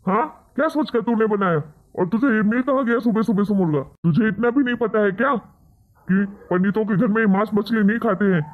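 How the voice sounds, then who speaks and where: A man's voice: high voice, brisk, lightly acted. A man playing a stern, furious father-in-law. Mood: angry. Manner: gruff, threatening. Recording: tinny phone-like sound.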